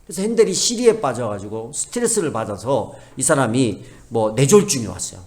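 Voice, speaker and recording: A middle-aged male pastor preaching a sermon, swinging between loud emphasis and soft asides and acting out everyday family talk in quoted voices. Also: medium pitch, big pitch swings, brisk.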